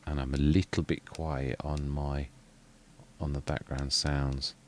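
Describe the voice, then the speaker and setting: This man hosts a gaming channel, offering loose, rambling commentary on a farming game while muttering asides and fixing his words mid-sentence. He has a quiet bass voice with little pitch movement and a slightly slow pace, and there's a bit of hiss or hum in the audio.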